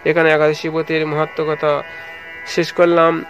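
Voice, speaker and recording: A man reciting a devotional scripture story in a steady, even manner, as the channel's storyteller. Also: on the high side, normal speed, soft background music.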